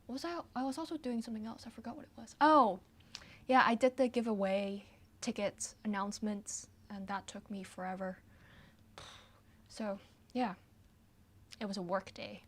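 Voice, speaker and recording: A woman from Hong Kong, a pianist hosting a relaxed livestream Q&A from her apartment, who chats easily and trails off with ums and soft laughs. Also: mid-range voice, normal speed. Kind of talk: casual livestream Q&A chat. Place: her apartment, at home with her piano.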